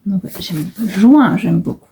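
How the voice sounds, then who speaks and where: A woman's voice: lowish voice, animated, normal speed, creaky, warm tone, slight background noise. A middle-aged woman chatting casually in a vlog about her embroidery, hesitant and rambling with many fillers and restarts. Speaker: embroidery vlogger.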